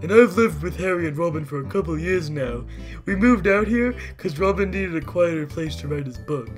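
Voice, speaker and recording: A woman's voice: fairly low pitch, lively intonation, normal speed, faint music behind, natural voice. A woman voicing an eager, earnest young puppet boy in a cartoon fan dub. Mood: innocent, curious. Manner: earnest, childlike. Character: innocent, eager eight-year-old puppet boy.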